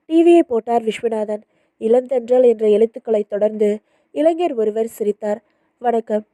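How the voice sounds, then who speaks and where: A woman narrating a story in a calm, even reading manner. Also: fairly high pitch, normal speed, no echo.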